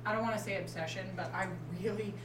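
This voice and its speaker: A woman's voice: mid-range voice, steady tone, fast talker. A woman telling personal stories in a casual, bantering group chat, often acting out what she said. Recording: roomy echo, distant mic, clear background noise.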